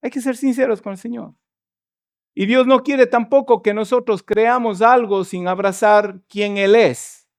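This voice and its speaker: Pastor with a high voice preaching in church and acting out the story's lines. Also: male voice, steady tone, a little slow. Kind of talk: sermon.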